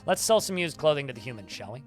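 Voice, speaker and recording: A man streaming a game live, chatting to his viewers in a flat tone that some hear as annoyed. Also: mid-range voice, fast, faint music behind. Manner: chatty, rambling asides to chat. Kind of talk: live-stream gameplay commentary.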